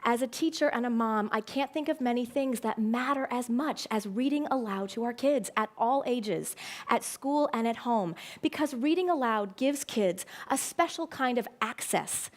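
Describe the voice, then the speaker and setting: A woman in her forties, an educator, giving a prepared talk on stage in an expressive, storytelling manner. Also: a little high, normal speed. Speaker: educator and speaker. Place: stage before a live audience.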